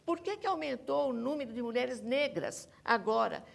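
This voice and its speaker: Her voice sits high and sounds animated and creaky, moving at a moderate pace. As an academic guest on a panel, this Brazilian researcher and author presses her arguments firmly and says them more than once.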